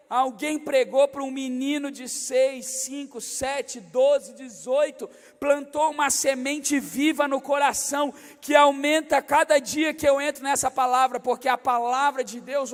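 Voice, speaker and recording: A middle-aged Brazilian man with a Rio de Janeiro accent, preaching a sermon as pastor and swinging from quiet, confiding asides to loud, shouted exhortation. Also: extremely high pitch. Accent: Brazilian Portuguese, Rio de Janeiro state. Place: large church hall. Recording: long hall reverb.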